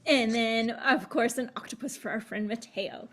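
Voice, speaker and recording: A woman's voice: on the high side, normal speed, a bit bright. A woman from Canada hosting an online youth event, friendly and loose with trailing asides. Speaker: host. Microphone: video call.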